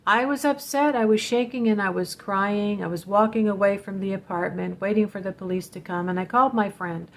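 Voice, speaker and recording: A woman with a gravelly, mid-range voice speaks a little fast with few pauses. Hosting a spiritual channel vlog, she relates a personal story in an earnest, direct way and warns her viewers.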